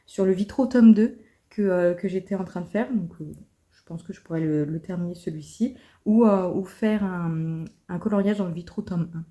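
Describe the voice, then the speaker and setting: Mellow-voiced woman chatting casually. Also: mid-range voice. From France. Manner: chatty, many fillers and restarts, soft asides. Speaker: book and coloring vlogger. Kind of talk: casual vlog chat.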